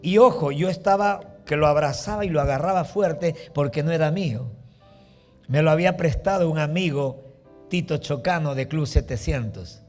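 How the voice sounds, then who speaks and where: A middle-aged Peruvian man preaching a sermon, telling a personal story with lively acted-out voices and exclamations. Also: fairly high pitch, normal speed, soft background music. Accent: Peruvian Spanish. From Peru. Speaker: pastor.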